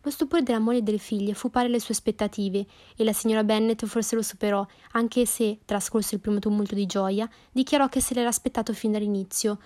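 A woman narrating a classic novel as an audiobook, reading calmly and evenly. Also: medium pitch, quick pace, few pauses.

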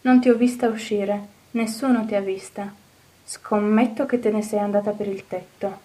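Anxious young housemaid, exclaiming and fretful, played by a woman narrator, warm mellow voice. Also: mid-range voice, steady tone, moderate pace, lightly acted. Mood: flustered. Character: flustered young housemaid, kind but anxious. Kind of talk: audiobook character voice.

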